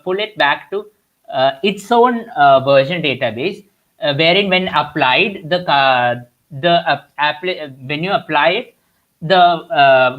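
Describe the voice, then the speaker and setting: A man's voice: fairly high pitch, dull audio. Young Indian man teaching, full of fillers. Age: young adult. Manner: halting, many fillers and restarts. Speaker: workshop instructor. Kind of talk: live online tutorial. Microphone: computer mic on a video call.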